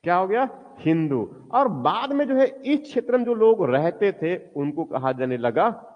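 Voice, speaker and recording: A male teacher giving a history lecture in a classroom, asking the class questions and answering them himself, often repeating key words slowly for stress. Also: high voice, animated, big-room sound, muffled recording.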